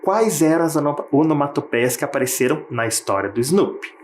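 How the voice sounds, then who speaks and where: A man's voice: on the high side, animated, brisk, reverberant, slight background noise. A Brazilian Portuguese-speaking man teaching a televised lesson for children, patient and explanatory, often asking the viewer questions.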